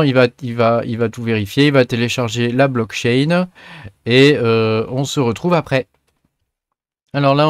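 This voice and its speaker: A man hosting a software tutorial, chatting through each step with many filler sounds. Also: medium pitch, clear, resonant tone, no echo, clean studio sound. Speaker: tutorial host. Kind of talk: screen-recorded software tutorial.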